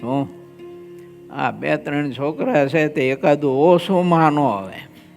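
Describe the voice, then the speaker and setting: A swami with a Gujarati accent gives a slow, drawn-out devotional discourse on scripture, telling anecdotes and voicing the people in them. His voice is fairly high with vocal fry and a darkish tone. Soft music plays in a large assembly hall with long reverb.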